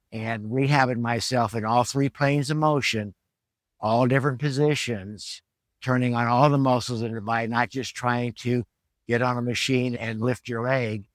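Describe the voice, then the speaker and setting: A man in his seventies, a fitness trainer and rehab vlogger, talks at home in a plain, explanatory, informal instructional way. His voice is mid-range and the recording has no room sound.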